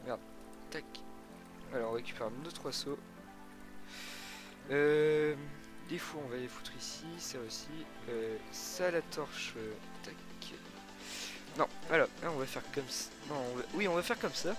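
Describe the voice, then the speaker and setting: Young guy doing casual let's play commentary, swears a lot, loud music under him. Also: on the high side, measured pace. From France. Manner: excitable, swears, exclaims loudly at finds. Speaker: gaming youtuber.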